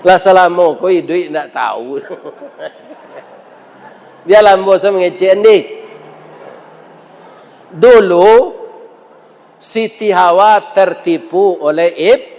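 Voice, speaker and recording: High-voiced preacher, slow and joking. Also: male voice, a little mellow. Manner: jokey, teasing the audience with questions. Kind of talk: humorous sermon with storytelling. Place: large mosque hall. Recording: reverberant mosque hall.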